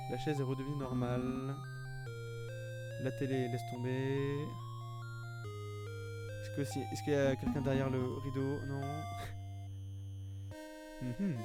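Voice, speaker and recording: A man's voice: mid-range voice, little pitch movement, unhurried, long pauses. A man with a French accent, thinking aloud with hesitant restarts as he plays a video game and reads in-game English text aloud. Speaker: gamer. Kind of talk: French let's play commentary. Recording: game music clearly behind the voice.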